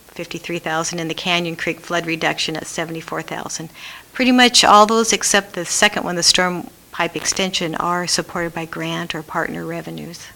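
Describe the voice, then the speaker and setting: A woman's voice: lowish voice, sharp tone. A woman giving a formal budget report at a public meeting, reading out items and figures. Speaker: staff budget presenter. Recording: faintly noisy meeting room recording.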